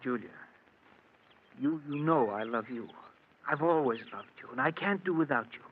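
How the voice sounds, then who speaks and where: Male actor as bitter lovelorn husband, old-time radio drama, mid-pitched, earnest, tinny aged recording. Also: animated, normal speed, slight background noise, lightly acted. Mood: pleading. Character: unhappily married man confessing his past, lovelorn, bitter. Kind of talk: old-time radio drama acting, first-person narration and dialogue.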